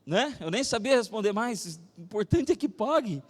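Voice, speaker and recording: Brazilian male pastor, high voice, animated storyteller, echoey church sound. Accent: Brazilian Portuguese. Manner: animated storytelling, acts out dialogue, slows for scripture. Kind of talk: sermon with personal story and Bible reading. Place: church hall. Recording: reverberant church hall.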